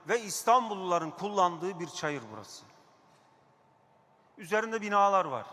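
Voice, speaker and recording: A man's voice: high voice, sharp tone. Mayor guy at a pulpit mic in council, emphatic, says stuff twice, long hall echo. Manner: emphatic, repeats key phrases. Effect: speaking into a pulpit microphone. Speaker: district mayor. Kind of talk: council chamber speech. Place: council chamber.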